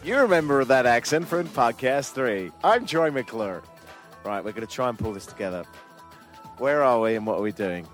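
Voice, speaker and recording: A man's voice: medium pitch, animated, a little fast, soft background music. Wry, joking man on a river boat. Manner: dry, wry and self-deprecating. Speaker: travel vlog host. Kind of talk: casual travel chat.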